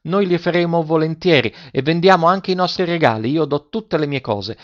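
A man's voice: a little high, normal speed, voice pushed up, lightly acted. A man doing a resolute young girl. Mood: pleading. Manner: resolute, pleading. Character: earnest determined young girl, elder sister. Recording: slightly dull lo-fi recording.

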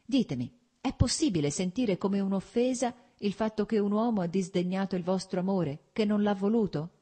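A woman's voice: medium pitch, normal speed, dark tone, voice pushed up, lightly acted. A woman reading an audiobook voices an earnest, impulsive young noblewoman who questions intensely and emotionally.

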